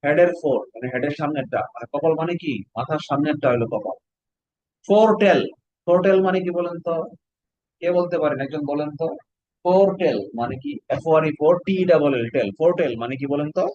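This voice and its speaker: A man's voice: a little high, lo-fi sound. Man teaching with rhetorical questions. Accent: Bangladeshi. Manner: explains slowly, quizzes students with questions. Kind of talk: online exam-prep lecture.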